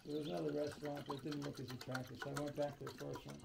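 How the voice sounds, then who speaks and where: A man's voice: fairly high pitch, level tone, rapid-fire, creaky. A man at an outdoor trail shelter telling a rambling story in casual conversation. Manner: rambling anecdote teller. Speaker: fellow hiker at a shelter. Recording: loud outdoor noise, heard from off camera.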